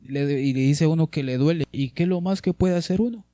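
Male preacher, mellow tone, dry close recording, sermon delivery with sweeping pitch. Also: a little fast, no echo. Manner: addresses listeners as brother, lively swings in pitch.

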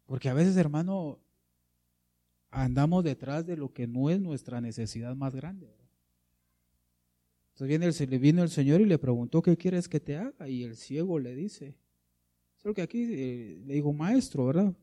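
A man's voice: fairly high pitch, lively intonation, normal speed, long pauses, dark tone. A man preaching a sermon, reading scripture aloud and addressing listeners as brother.

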